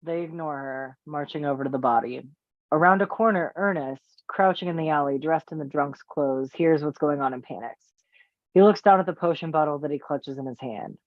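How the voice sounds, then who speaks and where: A man reads the stage directions in an even, matter-of-fact way. His voice comes over a tinny, phone-like line. The sound is dry, with no room around it. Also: on the high side, fairly quick, no echo. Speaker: narrator.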